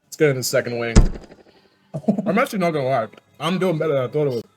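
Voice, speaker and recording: A man's voice: a little high, animated, quick pace, background noise. A young man hosting a food challenge with casual, blunt, chatty banter. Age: young adult. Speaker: host asking questions in a food challenge.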